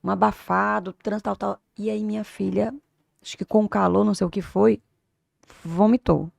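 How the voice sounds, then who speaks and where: A woman in her fifties, a teacher and doctor, tells an emotional personal story as an interview guest, swinging between hushed and loud. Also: medium pitch, fairly even intonation, normal speed, vocal fry, dry recording. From Brazil. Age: 50s.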